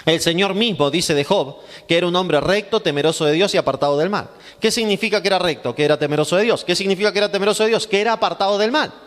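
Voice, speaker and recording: A man's voice: high-pitched, fast talker, fairly bright tone. A male pastor teaching a Bible class sermon, asking rhetorical questions and answering them himself, with emphatic repetition. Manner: emphatic, repeating phrases for stress. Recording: long hall reverb.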